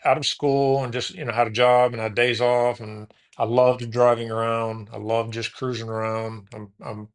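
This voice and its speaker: A man's voice: mid-range voice, flat delivery, moderate pace, few pauses, clear, resonant tone. A man in his late forties from Houston, a podcast host telling his story in a casual, rambling way, often correcting himself and saying "man" and "dude". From Houston, USA. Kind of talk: casual storytelling interview answers.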